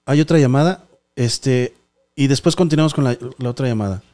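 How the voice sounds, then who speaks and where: A man with a Mexican Spanish accent hosting a live call-in show, taking callers' stories in a brisk, courteous way. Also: mid-range voice, warm tone. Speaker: host taking calls.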